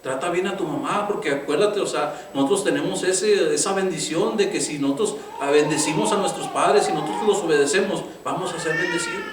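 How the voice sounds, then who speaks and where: A man's voice: fairly high pitch, fairly quick, hardly any pauses. A middle-aged man preaching a conversational sermon as pastor. He keeps calling his listeners brother and asking them "right?". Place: church sanctuary. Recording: echoey church room, mic at a distance, faint background hiss.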